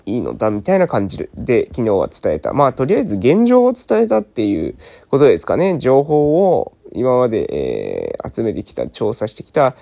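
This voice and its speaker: A man hosts a solo morning talk in a hoarse, gravelly voice, rough from just having woken up. His tone is dark and mellow, with pitch that rises and falls a lot. He speaks politely and fills his pauses with drawn-out hesitations. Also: wildly swooping pitch. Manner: polite, many fillers. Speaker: podcast host.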